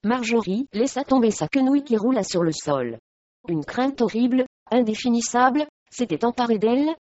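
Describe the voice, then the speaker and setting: A woman narrating a historical storybook in a calm, even reading voice. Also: a little high, normal speed, no echo, lo-fi sound. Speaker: audiobook narrator.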